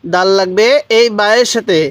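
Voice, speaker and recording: A man's voice: high voice, moderate pace, a bit bright, dry recording. A man teaching Quran letter reading step by step, patiently spelling out syllables and repeating them for the viewer. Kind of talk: step-by-step recitation lesson.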